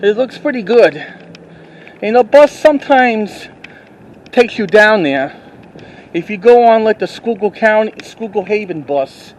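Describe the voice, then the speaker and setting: Casting: man with a high voice, rambling walking-tour vlogger, faint traffic behind. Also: animated, rough recording. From New York City. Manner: rambling, halting, with frequent restarts. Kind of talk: casual walking-tour narration. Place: outdoors on a town street. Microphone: handheld camera while walking.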